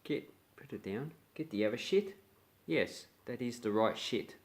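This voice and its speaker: An Australian man runs a casual slang lesson to camera. He talks bluntly and playfully, slipping into little acted examples. His voice sits in an ordinary middle pitch. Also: lively intonation, measured pace. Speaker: slang teacher.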